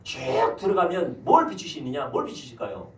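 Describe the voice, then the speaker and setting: The senior pastor delivering this Sunday sermon has a somewhat high, slightly bright voice and speaks a little fast with plenty of animation. He fires rhetorical questions at his congregation, recorded from a distance in an echoey church sanctuary.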